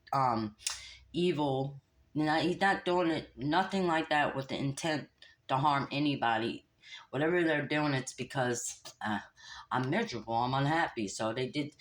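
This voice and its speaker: A low-pitched woman reading tarot cards in a casual, chatty way. She scolds and teases the listener directly, full of sass and lively asides. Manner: sassy, scolding, talks straight at the listener; animated, laughs and hums disapproving "mm-mm-mm". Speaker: tarot reader.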